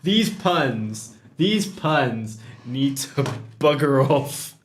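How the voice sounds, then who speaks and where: Giggly, slow-talking man playing a game. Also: mid-range voice, lively intonation, a little hiss or hum. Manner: giggly, self-mocking, swears casually. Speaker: let's play host. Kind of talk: gameplay commentary reading dialog aloud.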